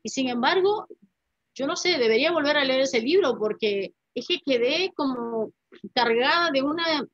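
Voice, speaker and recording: Her voice sits high and a bit bright, expressive and at a normal speed, as this guest poet and writer in her fifties reflects on a video call. She is a native Spanish speaker speaking thoughtfully from a home room with paintings, regularly adding "¿no?" tags. A laptop webcam mic gives the audio its dull, dry character, free of echo.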